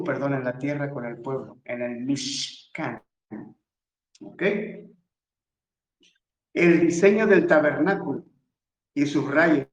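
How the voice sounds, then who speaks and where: A man teaches scripture verse by verse, slowly and deliberately in a fairly high voice. He walks his listeners through the text step by step, telling them what to underline and circle. His voice rings in an echoey room. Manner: methodical, repeatedly tells listeners to underline and circle words. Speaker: Bible teacher.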